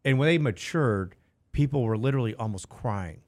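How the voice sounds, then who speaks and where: A man's voice: medium pitch, expressive, normal speed. A man co-hosting a casual financial talk show as a financial advisor, chiming in matter-of-factly.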